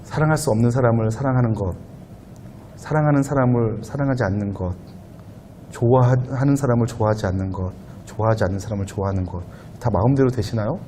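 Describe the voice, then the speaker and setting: A man pastor giving a conversational sermon to a young adult congregation in a church, at times growing louder and higher as he presses a point. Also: fast, slight background noise. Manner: conversational preaching, rising loud and high when animated. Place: church sanctuary.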